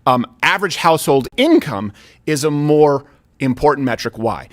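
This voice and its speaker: A man's voice: on the high side, lively intonation. A man in his thirties hosting a political talk show, sarcastic and emphatic. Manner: sarcastic, emphatic, quick asides. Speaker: host.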